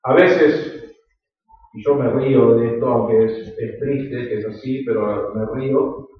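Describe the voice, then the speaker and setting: A man's voice: mid-range voice, unhurried. A man with a Rioplatense accent, preaching a sermon as a pastor in an earnest, explanatory way with emphatic rises. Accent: Rioplatense Spanish. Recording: echoey hall, distant, dull sound.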